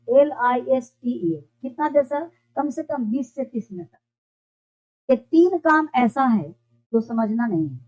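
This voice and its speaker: English teacher, high voice, repetitive explaining, answers own questions, muffled lo-fi sound. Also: darkish tone. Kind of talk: classroom-style explaining lesson. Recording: dull lo-fi recording.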